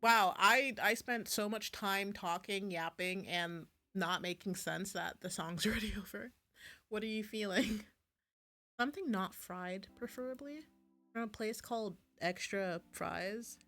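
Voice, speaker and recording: A woman chats casually on a visual novel livestream, rambling, gushing and often interrupting herself over background music. Her mid-range voice is pushed and bright, with lively intonation and a slightly slow delivery.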